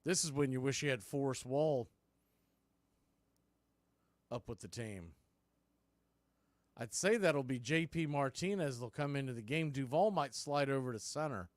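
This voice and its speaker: This watch-party baseball announcer has a mid-range voice, a measured pace, and long pauses, recorded without echo. He does live play-by-play in a casual, colloquial way, making no secret of rooting for his side.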